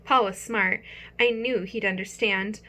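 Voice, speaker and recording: A woman narrating a children's audiobook with expressive storytelling. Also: mid-range voice, measured pace.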